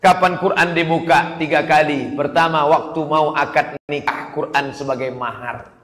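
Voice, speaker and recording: A male preacher, giving a humorous, animated public sermon that mixes Arabic verses with joking asides. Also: fairly high pitch, normal speed. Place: large hall at a mass religious gathering. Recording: echoey hall with long reverb.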